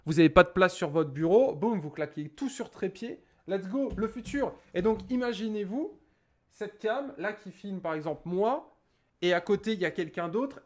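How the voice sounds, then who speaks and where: A young man casually reviewing a webcam at his home desk, joking, rambling and swearing as he sets it up. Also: high-pitched. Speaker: tech YouTuber. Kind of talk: casual product review vlog.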